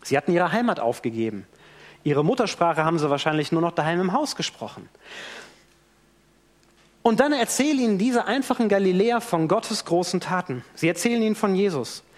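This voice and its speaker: A high-voiced man preaches briskly in a church hall, bringing the story to life and voicing the people in it. His animated delivery is wrapped in the hall's long reverb.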